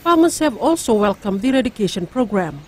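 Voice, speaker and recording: A woman's voice: fairly high pitch, big pitch swings, fast talker, slightly rough. A woman reading a scripted news report. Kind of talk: scripted narration.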